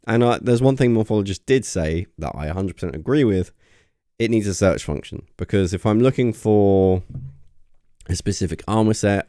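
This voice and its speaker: Low and warm, the voice of this gaming channel host comes through at studio quality without echo. In a casual vlog, he rambles excitedly about a game update, using many fillers as his voice gets a bit worn.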